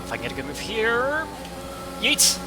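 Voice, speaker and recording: A man hosting a casual let's-play, chatty and joking as he reacts out loud. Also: sits high, huge pitch swings, quick pace, loud music behind the voice. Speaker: gaming video host.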